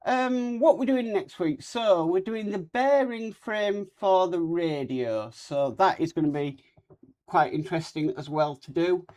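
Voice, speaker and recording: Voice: medium pitch, darkish tone. A person hosting a casual hands-on model-building video, talking with a cold sore on the lip. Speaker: host of a model-building channel.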